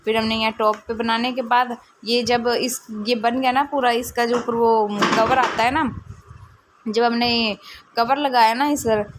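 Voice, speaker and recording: A woman's voice: on the high side, steady tone, a little slow, noisy background. A woman in her thirties, a mother, narrating her home footage in a casual, amused, chatty way. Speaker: family vlogger.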